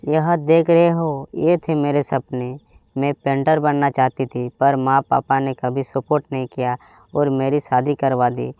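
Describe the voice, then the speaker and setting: A man's voice: mid-range voice, level tone, a little slow, warm tone, smooth, no room sound, natural voice. A man voicing a frustrated young wife who answers back sharply in a storybook tale. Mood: upset. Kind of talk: storybook voice acting.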